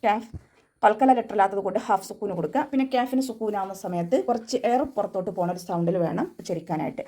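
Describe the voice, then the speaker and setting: A young woman teaching Quran recitation in an online class, explaining each step patiently and adding gentle reminders. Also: mid-range voice, rapid-fire. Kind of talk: online tajweed class instruction.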